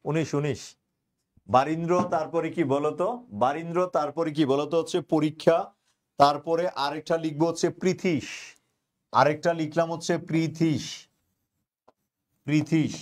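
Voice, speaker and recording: A young man teaching grammar, his voice sitting a little high for a man. He drills his students over and over, asking a question and then supplying the answer himself. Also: steady tone, moderate pace, pauses often. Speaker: admission coaching teacher. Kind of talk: online grammar class.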